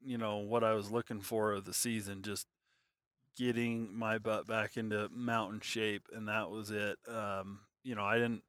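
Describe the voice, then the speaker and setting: Low-voiced man telling a hunting story. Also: flat delivery, normal speed, a bit bright, no echo, clean studio sound. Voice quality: hesitant, lots of fillers and restarts. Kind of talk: casual storytelling.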